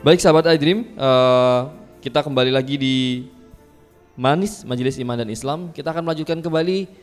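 A man's voice: mid-range voice, moderate pace, soft background music. A man hosting a live AM radio talk show in a conversational way. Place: studio with attendees present. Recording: long reverberant hall sound.

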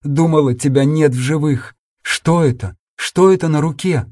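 A man's voice: fairly high pitch, normal speed, darkish tone, no echo, studio quality, voice pushed up, close to an everyday voice. A man reading the lines of a frightened, tearful woman who speaks in bewildered, trembling pleas.

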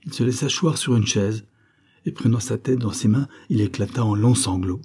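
A man reading a novel aloud in measured scripted narration. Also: lowish voice, darkish tone, husky. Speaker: audiobook narrator.

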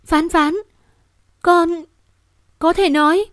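A woman's voice: on the high side, normal speed, darkish tone, dry recording, studio quality, natural voice. A woman playing a bitter, heartbroken young mother. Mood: tearful joy.

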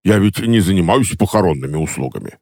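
A man's voice: sits low, lively intonation, quick pace, warm tone, no echo, studio quality. A man doing a grumpy, curt bank clerk. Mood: irritable. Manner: curt, irritable, suspicious. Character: fat, grumpy middle-aged bank clerk.

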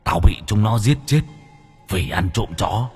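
A man voicing the vengeful ghost of a murdered male dog thief, gruff, low and menacing. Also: lively intonation, a little slow, a little mellow, big-room sound, faint music behind, full character voice. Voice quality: gruff, booming.

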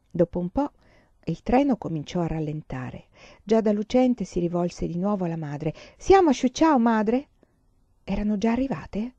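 Mellow-voiced woman reading a novel. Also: medium pitch, no echo, dull audio. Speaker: reader. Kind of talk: audiobook narration.

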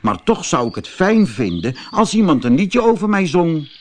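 A man's voice: a little high, very animated, moderate pace, a little hiss or hum, voice pushed up. A man voicing a lonely, sad male snail without a shell, in a plaintive, sighing storybook voice. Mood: earnest.

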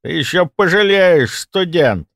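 A man's voice: big pitch swings, normal speed, a bit bright, dry recording, clean studio sound. A man reading an audiobook voices a cowardly, thieving old male morgue orderly who whines and snaps defensively. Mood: threatening. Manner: shrill, whining and defensive.

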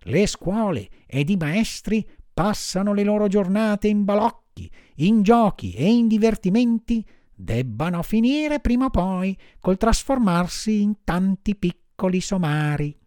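A kind little female marmot, as a male reader puts her on, speaks in a very high, thin voice, soft and sorrowful as she consoles. Her tone swoops widely in a storybook reading. The sound is dry and close. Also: animated, measured pace, dry recording. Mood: consoling.

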